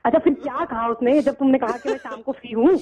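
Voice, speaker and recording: A woman's voice: high-pitched, fast talker, a crowd in the background. A woman on a phone call who talks bluntly and bossily, protective one moment and scolding the next. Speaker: prank call target. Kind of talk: phone conversation. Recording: dull phone line.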